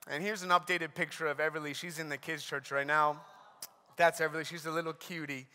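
Bright-voiced animated male preacher. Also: a little high, fairly quick. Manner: animated storytelling, frequent "like". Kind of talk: sermon. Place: church sanctuary. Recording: reverberant church hall.

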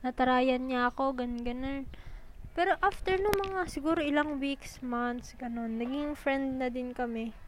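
A young woman telling school stories in a casual, chatty, animated way, a little out of breath. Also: sits high, slight background noise, low-quality recording. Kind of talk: casual storytelling.

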